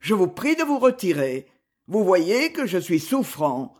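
A man reading an old novel aloud, voicing an ailing aristocratic marquis who speaks slowly and formally. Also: high voice, big pitch swings, darkish tone, heavily acted. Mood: cold, weary. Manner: slow, grave and formal. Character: frail, dignified aging aristocratic marquis.

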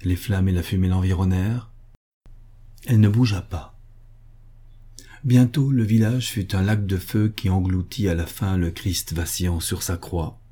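A man reading a story aloud as an audiobook, grave and measured. His voice is low and dark, with a husky, breathy grain. He keeps an even, serious delivery. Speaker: narrator. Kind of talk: audiobook narration.

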